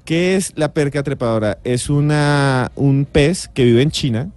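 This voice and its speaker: A man, co-hosting a radio show and telling stories in a playful, animated way. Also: mid-range voice, a little slow, dry recording. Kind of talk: casual radio banter.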